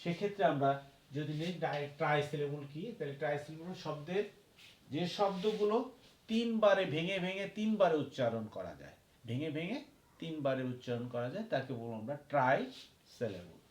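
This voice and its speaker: A man teaching a grammar lesson at a board. He talks slowly, repeats each point and spells words out letter by letter. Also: a little high, lively intonation, darkish tone, echoey room. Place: classroom.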